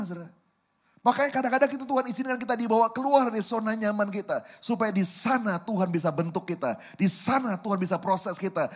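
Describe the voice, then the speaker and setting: A man pastor preaching a sermon, telling a lively story and often addressing the congregation directly. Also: high-pitched, breathy edge. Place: church.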